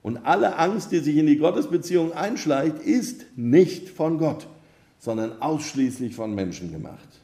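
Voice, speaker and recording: A man preaching a sermon, telling a parable in a calm, measured way. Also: on the high side. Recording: roomy echo.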